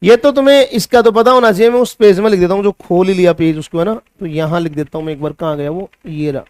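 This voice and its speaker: A man's voice: high-pitched, fast talker, darkish tone, smooth, no room sound, studio quality. A male chemistry teacher with a Hindi accent, giving a classroom lecture that mixes English science terms into Hindi and asks his students questions before answering them himself.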